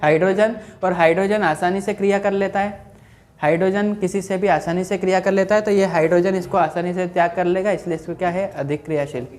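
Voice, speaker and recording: A woman's voice: lowish voice, steady tone, darkish tone. Woman teacher dictating chemistry notes. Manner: asks questions and answers herself, repeats phrases slowly for dictation.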